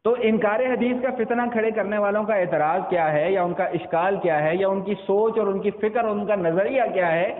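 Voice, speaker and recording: A man's voice: high voice, few pauses. A man preaching a Friday sermon, repeating his phrases and answering his own rhetorical questions. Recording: echoey hall, thin phone-like sound.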